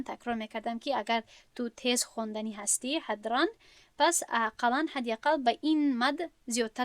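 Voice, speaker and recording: A woman's voice: a little high, dry recording. Patient woman teaching recitation. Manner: patient, explains step by step and rephrases often. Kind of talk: explanatory recorded lesson.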